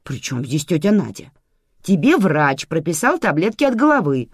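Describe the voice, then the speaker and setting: A woman voicing a calm, matter-of-fact grandmother in an audiobook, placating and dismissive. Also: deep voice, moderate pace, breathy edge, no room sound, clean studio sound, exaggerated voice. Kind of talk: audiobook reading.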